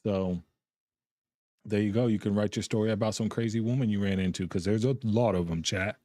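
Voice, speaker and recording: A middle-aged man with a lowish, dry-sounding voice talks to his live stream chat from a home gaming room. He sounds worn out after a long week and rambles along easily, chuckling as he goes. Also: steady tone, a little fast, dark tone, dry recording. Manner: rambling, easygoing, chuckling between thoughts. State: tired, yawning.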